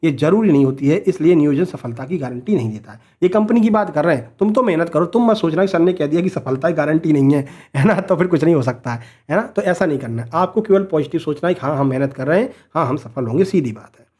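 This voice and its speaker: A man's voice: on the high side, animated, fast, mellow, slightly rough. A man teaching an exam-prep lesson who explains each multiple-choice answer. He asks rhetorical questions and keeps checking in with "right?". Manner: rhetorical questions, frequent "है ना?" tag; motivational asides to students.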